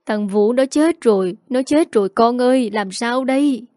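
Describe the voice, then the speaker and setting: A woman's voice: on the high side, moderate pace, dark tone, dry recording, clean studio sound, close to an everyday voice. A woman voicing a grieving, harsh grandmother in her eighties who wails and scolds. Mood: grieving, scolding. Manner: wailing, scolding.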